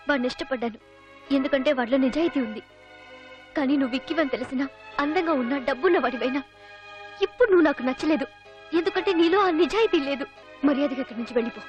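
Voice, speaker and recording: A woman's voice: high voice, fast talker, long pauses, muffled recording, music in the background, lightly acted. A woman playing a fiery, scolding young lecturer. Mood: cold resolve. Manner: sharp and scolding. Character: strict young woman lecturer, proud and principled. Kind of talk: dubbed film acting.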